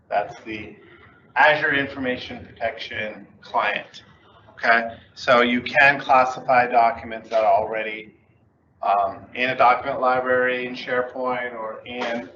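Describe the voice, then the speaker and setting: Bright-voiced man explaining a demo. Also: mid-range voice, a little hiss or hum. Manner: plain, explanatory. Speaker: guest presenter. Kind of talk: wrap-up of a demo. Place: meeting room. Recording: echoey room, dull mic.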